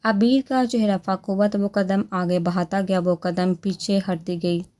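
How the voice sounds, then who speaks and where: A woman narrating a romance novel in a steady storytelling manner. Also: mid-range voice, a little slow.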